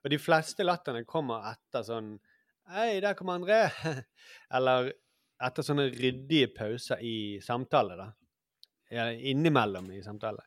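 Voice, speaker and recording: A man's voice: medium pitch, dry recording. Forties guy rambling on a podcast, lots of ums, dry close mic. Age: 40s. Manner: musing, rambling, many fillers. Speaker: podcast host. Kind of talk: casual chat.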